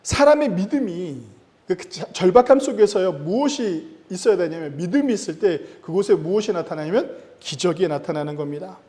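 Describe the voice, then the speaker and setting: A man preaching a Sunday sermon as pastor, pressing hard on key words and then dropping to a quiet tone. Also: high voice, lively intonation, brisk. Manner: emphatic preaching with rising stress and sudden drops in loudness. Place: church sanctuary. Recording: long church-hall reverb.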